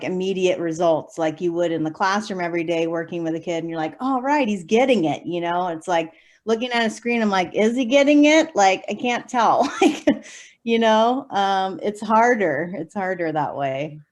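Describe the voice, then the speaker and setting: In a low-leaning voice that's animated and moves at a normal speed, a young special education preschool teacher chats through interview questions. Fillers come often, along with light laughs.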